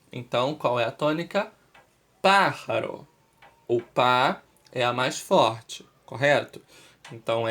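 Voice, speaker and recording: Slow, deliberate Brazilian teacher, man. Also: medium pitch, fairly bright tone. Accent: Brazilian Portuguese. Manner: slow and deliberate, checks understanding with "ok?". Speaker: Spanish teacher. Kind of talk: recorded school lesson.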